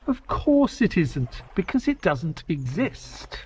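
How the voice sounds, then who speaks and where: An actor playing Doctor Watson in an audio drama, the skeptical, grumbling companion of a detective who also narrates, with a husky, expressive delivery. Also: male voice, sits high, slow pace, slight background noise, exaggerated voice. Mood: exasperated. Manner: exasperated, expressive storytelling.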